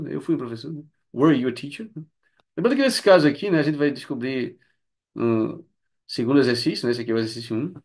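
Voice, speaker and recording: A man with Portuguese as his first language explains English grammar in a chatty lesson, tagging phrases with frequent questions. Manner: chatty, frequent "né?" tag questions, lively swings in pitch. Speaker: English teacher.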